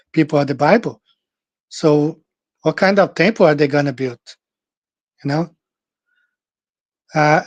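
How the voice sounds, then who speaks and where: Talking by himself to his channel's audience about scripture, this earnest host stops and restarts often, filling gaps with fillers. His slightly raised voice is a little high and a little mellow, recorded dry and close with no surrounding room sound.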